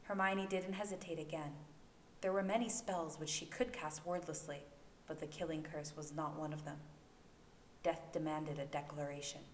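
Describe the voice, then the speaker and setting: A woman with a low, steady voice reads fiction aloud at a moderate pace, giving a dramatic, scripted narration for an amateur audio story recorded at home. She is a fan fiction podfic narrator using a new home recording microphone. The room is echoey, with faint background noise.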